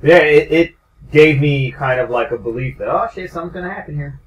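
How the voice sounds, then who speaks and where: A man's voice: on the high side, a little fast, dull audio. A young man co-hosting a wrestling podcast, joking and swearing freely in casual talk. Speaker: podcast co-host. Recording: echoey room, far from mic, faint noise.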